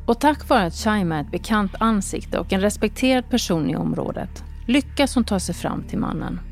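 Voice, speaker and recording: A woman narrates a documentary podcast with measured calm, in a mid-pitched voice, and sometimes turns to ask her guest questions. Faint music runs beneath her. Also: creaky. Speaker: host and narrator.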